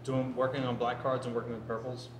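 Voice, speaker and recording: A man on a panel who talks haltingly, with many fillers and "yeah"s. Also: mid-range voice, level tone, a little hiss or hum. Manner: halting, full of fillers and yeahs. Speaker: panelist, artist. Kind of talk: casual panel chat. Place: live venue stage. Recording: roomy live venue with crowd.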